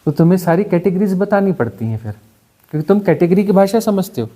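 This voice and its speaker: A man. He keeps firing rhetorical questions and acts out mocking little examples, rising sharply in pitch when he gets animated. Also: quick pace. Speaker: spiritual teacher. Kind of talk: satsang discourse.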